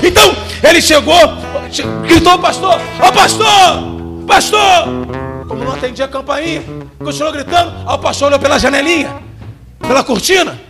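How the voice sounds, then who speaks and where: Fervent high-voiced Brazilian preacher. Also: male voice, quick pace, over music. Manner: fervent, often shouting, storytelling. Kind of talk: sermon.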